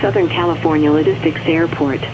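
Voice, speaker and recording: An automated airport weather broadcast heard over the radio, reading out conditions in a flat, measured way. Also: medium pitch. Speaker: recorded airport weather information. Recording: muffled radio audio with loud hum.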